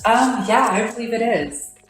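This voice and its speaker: A woman's voice: on the high side, normal speed. A woman calling in to a live stream, talking in a hesitant, apologetic way, her voice carrying a heavy echo. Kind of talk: casual call-in chat. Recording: echoey call audio with faint music.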